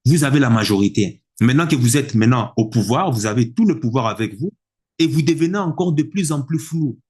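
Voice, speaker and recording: A man delivering an indignant political opinion monologue, emphatic and repetitive, with a husky voice. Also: mid-range voice, expressive, a little fast, a little mellow. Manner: indignant, emphatic, repeats words for effect. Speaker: political commentator.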